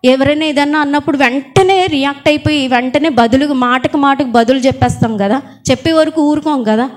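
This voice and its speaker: High-voiced woman preacher, soft-spoken, questions the congregation throughout the sermon. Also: brisk. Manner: quiet, calls her own voice small. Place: church hall with fans.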